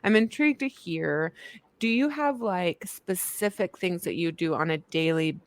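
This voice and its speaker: A woman's voice: on the low side, unhurried, no room sound. Giggly, chatty woman podcast host. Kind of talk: casual chat.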